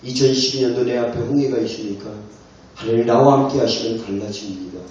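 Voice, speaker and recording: A man's voice: mid-range voice, a little fast, darkish tone, a little hiss or hum. A man preaching a sermon to a congregation, asking them question after question with fervor. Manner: impassioned, rhetorical questions to the congregation. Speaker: pastor. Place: church sanctuary. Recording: echoey church hall, distant dull mic.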